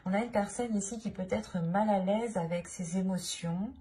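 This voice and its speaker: A tarot reader with a French accent addresses the camera, her speech hesitant and peppered with fillers and restarts as she searches for words. Her voice is medium-pitched and mellow at a normal speed, with a little hiss or hum.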